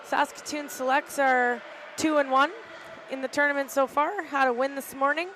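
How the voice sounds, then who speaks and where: A middle-aged woman giving casual, halting live play-by-play commentary from an arena balcony, with lots of "uh" fillers. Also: high voice, steady tone, fairly bright tone, slight background noise, low-quality recording. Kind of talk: live amateur sports commentary. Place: arena balcony above the rink.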